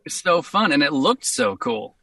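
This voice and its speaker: A man with a Boston accent, a voice actor, talking in a casual interview in an upbeat, excitable way and laughing easily. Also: on the high side, moderate pace, gravelly, dry recording, studio quality, recorded from a distance. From Boston, USA. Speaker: voice actor guest.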